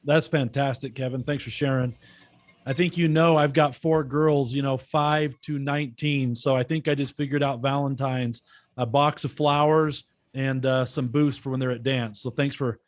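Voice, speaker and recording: A man's voice: mid-range voice, fairly even intonation, normal speed, no room sound. A man hosting an interview on a video call, asking questions with many restarts and repeated words. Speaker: host.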